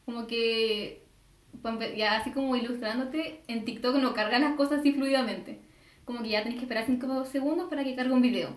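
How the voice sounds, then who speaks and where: A woman's voice: a little high, fairly quick. A teenage girl with a Chilean accent chatting casually about running a small online shop. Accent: Chilean Spanish. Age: teens. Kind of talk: casual chat. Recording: roomy echo.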